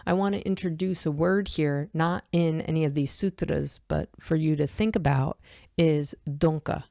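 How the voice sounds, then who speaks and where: Woman, yoga-teacher host, low gravelly voice, earnest and direct. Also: moderate pace, dark tone, no echo, clean studio sound. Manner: earnest, addresses listeners as "my friends". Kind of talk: reflective podcast conversation.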